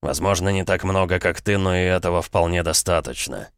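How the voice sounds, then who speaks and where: A man voicing a selfish, stubborn middle-aged nobleman in an audiobook, in a flat, cold, unhurried delivery. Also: sits low, clear, resonant tone, dry recording, studio quality. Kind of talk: audiobook character voice.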